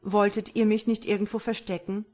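A woman's voice: medium pitch, level tone, brisk, a little mellow, pitched above the performer's own voice, close to an everyday voice. A woman voicing an eager young man in a fairy tale, speaking earnestly and politely. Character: eager young male wanderer.

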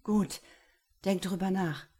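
A woman's voice: mid-range voice, slow pace, mellow, slightly rough. A woman reading the lines of a brother who talks encouragingly.

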